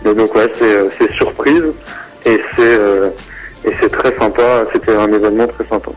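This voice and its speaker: A man's voice: on the low side, flat delivery, normal speed, faint music behind, low-quality recording. A man calling in over the phone as a basketball consultant, giving casual sports analysis with many hesitations and restarts.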